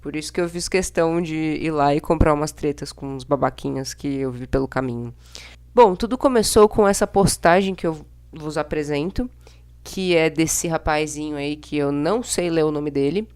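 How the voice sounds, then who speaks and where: A woman's voice: sits low, normal speed, darkish tone. A young woman with a Brazilian accent, talking casually and bluntly in an exasperated, slangy vlog monologue. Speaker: vlogger. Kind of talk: casual opinionated monologue to camera.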